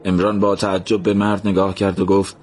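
A man narrating a story in a calm, measured, gentle way. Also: low voice.

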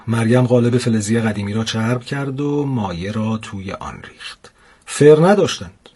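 A man narrating a children's story in an expressive, storytelling way. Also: mid-range voice, husky. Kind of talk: scripted narration.

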